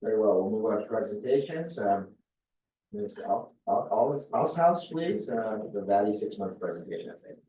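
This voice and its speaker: A man's voice: on the low side, animated, dark tone, a little hiss or hum. Distant man chairing a meeting, roomy sound. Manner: brisk, hesitant procedural remarks. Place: public meeting room. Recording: roomy, distant, dull room mic.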